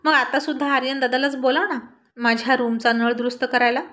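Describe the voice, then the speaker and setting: A woman's voice: high voice, level tone, brisk, fairly bright tone. Whiny little girl read by a woman, complaining. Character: young girl complaining about her mother.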